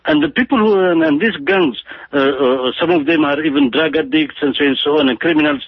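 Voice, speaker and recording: A man delivers impassioned political commentary in a slightly high, husky voice. He speaks haltingly and with emphasis, stumbling over restarts and fillers. The sound is dry and dull, like an old radio broadcast. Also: animated, dry recording.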